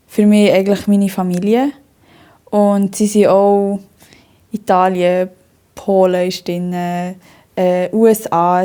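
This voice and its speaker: In an interview about her own life, a young woman with a Bernese Swiss German accent speaks in a mellow, medium-pitched voice. Her long account is full of fillers and restarts, and she often breaks into hearty laughter.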